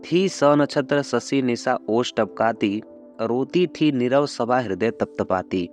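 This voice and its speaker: A man teaching a class, explaining a poem line by line and going over each phrase again in simple words. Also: mid-range voice. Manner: explains slowly, repeating phrases with yaani and matlab. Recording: dull lo-fi sound with soft background music.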